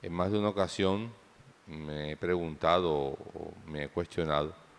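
A priest's deep, unhurried voice carries through a large church. Each measured phrase trails off into a long cathedral echo, the sound of a liturgy in a stone nave. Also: male voice, fairly even intonation, creaky. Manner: slow, measured proclamation. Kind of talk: liturgical reading and homily.

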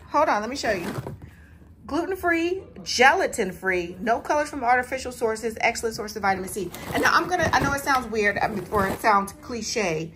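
A chatty woman in her thirties talks to her viewers in a casual home vlog. She speaks into a phone held close in her kitchen, animated and direct. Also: fairly high pitch, slight background noise. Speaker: family vlogger. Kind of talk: casual grocery haul vlog. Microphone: phone camera held close.

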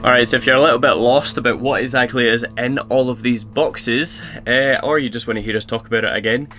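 A man's voice: mid-range voice, steady tone, brisk, pushed and bright, soft background music. A man, chatting casually to viewers from inside a camper van on a camera held at arm's length. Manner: upbeat, chatty, addressing viewers. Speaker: vlogger. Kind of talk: casual vlog chat. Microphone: handheld camera at arm's length.

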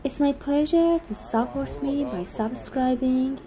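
A woman hosting a walking tour video, reading a scripted travel narration in an even, gentle manner as a voice-over. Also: high voice, a little slow, crowd noise, poor audio. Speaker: walking tour vlog host.

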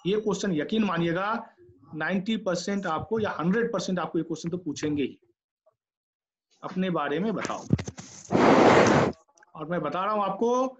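Brief: middle-aged male lecturer, high voice, direct coaching tone, muffled classroom recording. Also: a little fast, slight background noise. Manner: direct, coaching, acts out candidate answers. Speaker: lecturer giving interview tips. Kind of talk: classroom lecture in Hindi mixed with English. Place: classroom with students.

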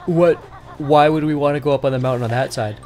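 A man co-hosting a casual let's play at a desk microphone, joking around with playful loud outbursts. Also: medium pitch, fast talker. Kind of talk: casual gameplay commentary.

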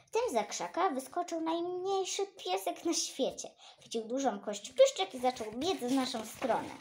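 A woman reading a children's book aloud, animated, her voice leaping up for exclamations. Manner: animated, jumps high for exclamations. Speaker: storyteller.

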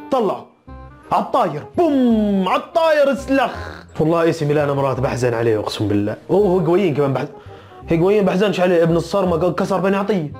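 Man, fast teasing football vlogger, very high voice, faint music behind. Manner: teasing, animated, mock-scolding with frequent laughter. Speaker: football YouTuber reacting to results. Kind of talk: excitable casual football chat.

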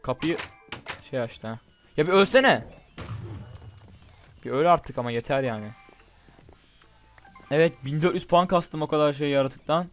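A young man talks his way through a game in an excitable, chatty stream of commentary, calling out to his viewers as he goes. His voice sits a little on the high side, and faint game music plays quietly underneath. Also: unhurried, long pauses. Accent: Turkish. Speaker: gaming YouTuber. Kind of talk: casual gameplay commentary.

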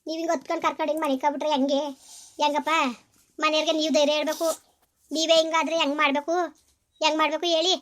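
A woman's voice: high voice, little pitch movement, very fast, long pauses, fairly bright tone. A woman playing a grieving mother-in-law in a village skit, scolding and pleading with repeated questions. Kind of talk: village comedy skit acting.

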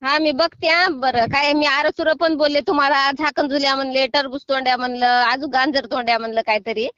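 High-pitched woman scolding over the phone. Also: fairly even intonation, brisk, a bit bright, no echo. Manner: scolding, then pleading and apologetic. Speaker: prank call target. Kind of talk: heated phone call. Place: sitting in a field. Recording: muffled phone call.

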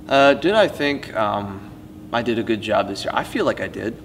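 Teen male, rambling casual storyteller, low-pitched, recorded in a reverberant hall. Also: lively intonation, moderate pace. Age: late teens. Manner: rambling, heavy use of "like" and "you know". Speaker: student stage tech interviewee. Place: empty school auditorium. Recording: reverberant auditorium, faint hum.

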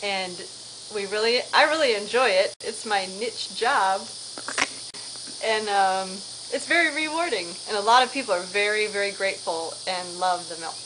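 A woman's voice: mid-range voice, moderate pace. A middle-aged woman casually explaining her dairy work to a handheld camera outdoors under a farm shelter. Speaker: farm mom, milker. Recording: hissy outdoor camera audio.

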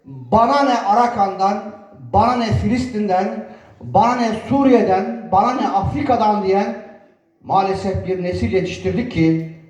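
A man, a provincial governor, giving a formal, earnest public speech from a lectern microphone, with deliberate, emphatic phrasing. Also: sits high, darkish tone. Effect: speaking from a lectern microphone. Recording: echoey hall, voice picked up from a distance.

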